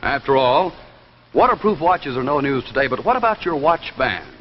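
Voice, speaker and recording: In a sing-song, mid-range voice at normal speed, a young male pitchman reads a smooth, salesy script modeled on 1950s television advertising. There's a big-room sound with slight background noise, all on a dull 1950s TV soundtrack with music.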